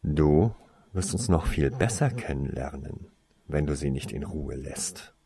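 A man's voice: sits low, big pitch swings, very slow, a crowd in the background, full character voice. A man doing a menacing older teen bully. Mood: threatening. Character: menacing older teenage boy, protective bully.

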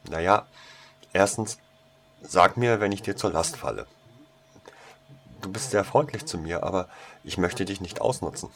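A man's voice: deep voice, lively intonation, unhurried, vocal fry, long pauses, a bit bright, exaggerated voice. A man voicing a guarded teenage schoolboy who speaks hesitantly with dry irony. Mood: wry. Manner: hesitant, ironic. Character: shy, guarded teenage schoolboy, dryly ironic.

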